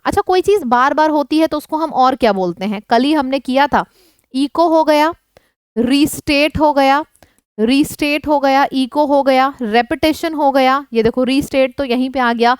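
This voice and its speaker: Woman teacher going over vocab, high clear voice, dry close mic, keeps asking if it's clear. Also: moderate pace, no room sound. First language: Hindi. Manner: explains words in mixed Hindi and English, checks in often. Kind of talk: online vocabulary lesson.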